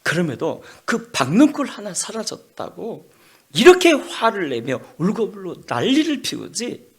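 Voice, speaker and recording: A man voicing God as a patient, fatherly figure who scolds gently and reasons earnestly. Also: sits high, measured pace, husky, voice pushed up, heavily acted. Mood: admonishing. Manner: calm, reasoning, then impassioned.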